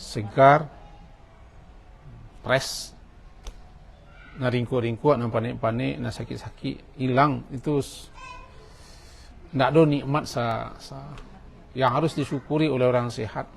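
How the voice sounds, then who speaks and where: Gravelly preacher man. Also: mid-range voice, unhurried, pauses often, a little hiss or hum. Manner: lively, mimics voices, shifts from quiet to loud. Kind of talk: mosque sermon. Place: mosque.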